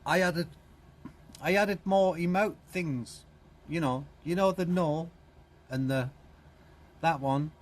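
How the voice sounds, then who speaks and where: A man's voice: a little high, slow, long pauses. A man chatting casually on a live stream in a vehicle workshop, wandering and repeating himself. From South East England. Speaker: streamer fixing his van.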